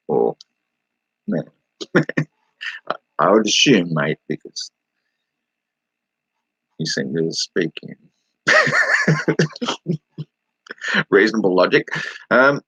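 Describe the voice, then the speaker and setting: A man's voice: sits low, very animated, slow, long pauses, fairly bright tone, slightly rough, no echo, poor audio. An Australian man rambling casually on a livestream, answering viewers and laughing as he talks. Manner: rambling, laughing, talking back to chat.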